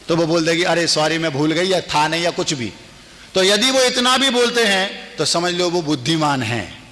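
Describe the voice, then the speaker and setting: A man, a Jain monk, giving a lively, humorous sermon and acting out little household dialogues. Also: high-pitched, big-room sound.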